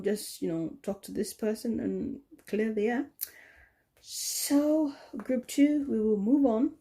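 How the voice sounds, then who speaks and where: A woman giving a tarot card reading, talking in a slow, soothing way with many "okay?" tag questions. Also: medium pitch, warm tone. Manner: drops into a whisper at times. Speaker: tarot reader.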